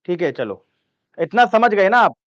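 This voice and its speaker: Male teacher, dictating notes, repeats each phrase, fairly high voice, dull dry recording. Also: big pitch swings, fairly bright tone, no echo. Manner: repeats each phrase slowly for note-taking; coaxing, checks understanding with "है ना?". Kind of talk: dictating a law lesson to students.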